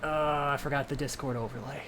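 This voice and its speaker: A man's voice: medium pitch, steady tone, fairly quick, crowd noise. A man hosting a game livestream with casual commentary, reading bits of the game aloud. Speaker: streamer, host. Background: faint music.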